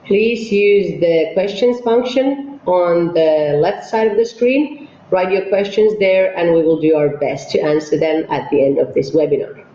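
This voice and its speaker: A woman's voice: fairly low pitch, dark tone. A woman from Finland, an operations manager, hosting an online webinar and walking viewers through polls and a presentation. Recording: echoey, dull webinar audio.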